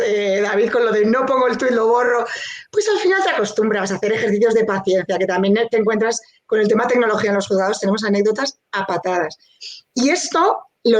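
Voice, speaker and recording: Fast-talking woman lawyer. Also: fairly high pitch. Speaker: lawyer and book co-author. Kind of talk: panel discussion talk.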